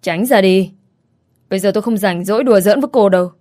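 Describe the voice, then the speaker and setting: Story reading: arrogant rich young man, voiced by a woman, taunting and scornful, snapping into angry shouts. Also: mid-range voice, brisk, natural voice.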